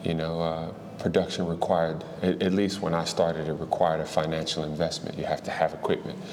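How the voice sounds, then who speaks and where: A man from the Washington, D.C. area, a hip-hop artist answering interview questions in a relaxed way, thinking aloud with fillers. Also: very deep voice, brisk. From Washington, D.C. area, USA. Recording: long reverb, faint noise.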